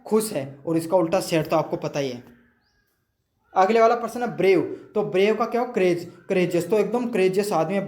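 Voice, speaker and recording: A man's voice: high voice, a little mellow. A man runs an exam-prep vocabulary lesson. He asks rhetorical questions and gives memory tricks. The room around him is echoey. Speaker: teacher.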